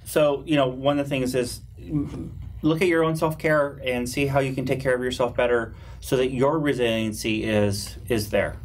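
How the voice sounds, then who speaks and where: This is a man co-hosting a webinar Q&A, his pitch right in the middle for a man. He talks reflectively in short, halting phrases, pausing and filling gaps with "um" as he thinks aloud. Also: fairly even intonation, slight background noise. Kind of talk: live webinar Q&A chat.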